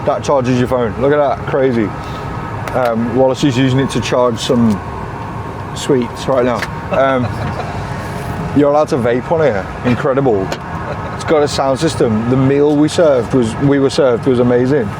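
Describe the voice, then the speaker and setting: Young man talking to camera in a casual vlog, upbeat and loose, sprinkling in swear words and laughs. His voice sits at an ordinary middle pitch, with street and traffic noise audible clearly behind him. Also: fairly even intonation, a little slow. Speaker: DJ and vlog host.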